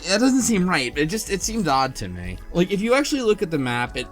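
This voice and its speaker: On a podcast panel, a man chats casually about a visual novel, thinking aloud in a tentative, rambling way. His high, slightly bright voice swings widely in pitch and moves fairly quickly. Faint music plays behind him.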